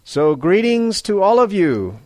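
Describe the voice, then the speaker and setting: Man, teacher-host, slow pace, lively pitch swings, careful with names, dry close sound. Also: no echo. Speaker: English teacher, podcast host. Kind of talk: listener greetings read out on a show.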